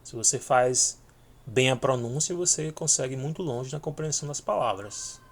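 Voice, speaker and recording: A man teaching a video lesson, speaking slowly and repeating each letter name for learners to follow. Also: medium pitch.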